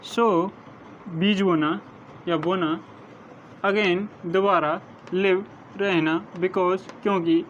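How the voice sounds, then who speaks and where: High-voiced man dictating word meanings slowly. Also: fairly even intonation. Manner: slow, measured dictation, spelling words letter by letter. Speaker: teacher. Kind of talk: vocabulary lesson, reading word meanings. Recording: dull lo-fi sound with faint noise.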